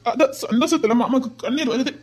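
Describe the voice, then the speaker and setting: A man's voice: extremely high pitch, fast, darkish tone. An actor with a Tirunelveli Tamil accent playing a heartbroken young man, a loving uncle who sobs and pleads tenderly. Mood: tearful, tender. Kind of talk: web series melodrama acting.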